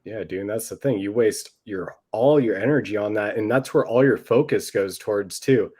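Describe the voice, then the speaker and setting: Low-voiced laid-back guy saying dude. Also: normal speed, darkish tone, breathy edge. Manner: laid-back, peppers talk with "dude" and "man". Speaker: podcast co-host. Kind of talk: casual chat.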